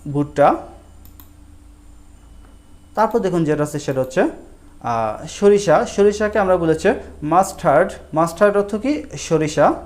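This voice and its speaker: A man with a high voice leads a vocabulary lesson. He drills each word patiently, asking a question and then answering it himself. His pace is slow and methodical, with short pauses between items. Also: expressive, darkish tone. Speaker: teacher.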